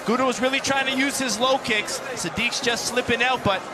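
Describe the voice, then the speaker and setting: A man's voice: extremely high pitch, fairly even intonation, brisk. A man giving live kickboxing analysis as a color commentator, breaking down technique emphatically. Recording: loud arena crowd noise behind. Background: noisy arena crowd.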